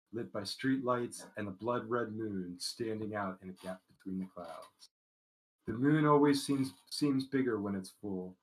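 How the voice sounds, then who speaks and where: A man running a tabletop game over a voice call, reading the scene description slowly and evenly. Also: fairly low pitch, rough recording. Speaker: game master.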